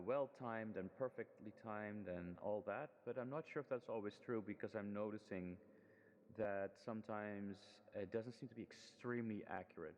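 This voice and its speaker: A man's voice: lowish voice, darkish tone. A man presenting his student project in a casual, hesitant demo walkthrough, full of ums and restarts, his voice soaked in heavy hall-like reverb. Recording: long reverb, dull lo-fi sound.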